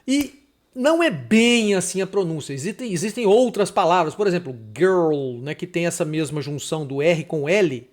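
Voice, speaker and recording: A man from Brazil gives a casual online lesson on English pronunciation. He talks in a loose, chatty way and slows down to stress the example words, saying them again and again. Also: high voice, expressive. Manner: chatty, repeats example words slowly and with emphasis. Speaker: English teacher.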